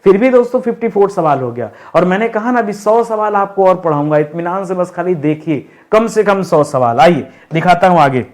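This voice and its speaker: A young male teacher with a high voice runs through a Hindi spelling lesson at an easy pace. He keeps quizzing the class with "what is it?" questions and says each corrected word again and again. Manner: repeats and drills words, asks the class rhetorical questions; calls his listeners friends, relaxed and unhurried. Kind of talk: online exam-prep lesson.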